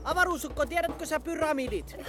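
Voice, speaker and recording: A woman's voice: sits high, natural voice. A woman voicing a cautious, sensible young girl in a radio play. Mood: eager.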